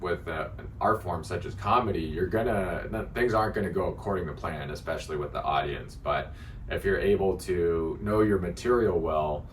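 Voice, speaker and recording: A man with a deep, resonant, articulate voice chatting casually to viewers in a reflective self-critique, halting as he thinks aloud. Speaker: beginner stand-up comedian. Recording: distant mic, faint background noise.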